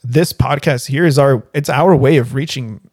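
Young male co-host, relaxed and sincere, dry booth sound. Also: mid-range voice, moderate pace, husky, dry recording. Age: young adult. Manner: laid-back, earnest, agreeable. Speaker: podcast co-host. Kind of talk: casual podcast chat.

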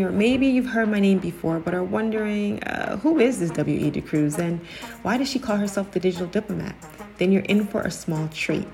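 A woman from New Jersey hosting a podcast, upbeat and emphatic, laughing easily in casual chat. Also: mid-range voice. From New Jersey, USA. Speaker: podcast host. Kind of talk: scripted intro then casual chat.

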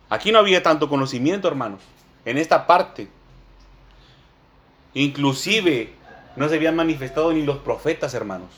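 Male preacher, sermon, slightly high voice, emphatic pauses, repeated appeals to the brethren. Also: a bit bright. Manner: addresses listeners as brothers, slow emphatic Bible reading.

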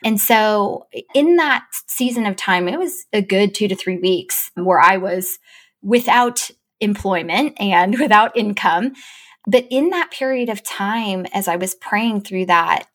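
A woman guest in a podcast interview tells a long personal story at an easy, steady pace. Her pitch sits in the middle of the range, and she lifts it sharply, sometimes very high, when she acts out her own excited words. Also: a little slow. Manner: animated, gets high and excited when quoting herself. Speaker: chief operating officer.

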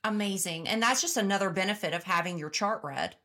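A woman's voice: medium pitch, quick pace, sharp tone. A woman hosting a casual podcast interview, encouraging and affirming her guest. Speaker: podcast host.

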